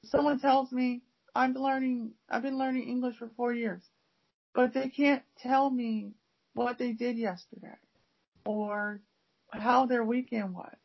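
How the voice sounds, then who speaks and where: Here the American teacher's voice is husky and a little high, with a steady tone and measured pace. She keeps chatting casually, rambling with many fillers and restarts, captured on dull lo-fi audio.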